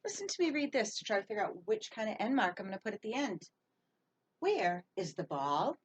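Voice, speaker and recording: A woman teaching young children to read sentences and write letters, speaking clearly and encouragingly, drawing out her words. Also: fairly high pitch, lively intonation, racing. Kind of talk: early reading and handwriting lesson for young children.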